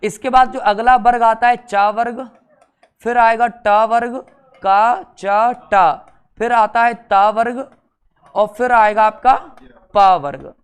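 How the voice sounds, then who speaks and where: A man's voice: extremely high pitch, a little slow, clear, resonant tone. A male teacher giving an exam-prep grammar lesson, drilling syllables in chanted rows, joking along the way and repeating "theek hai" often.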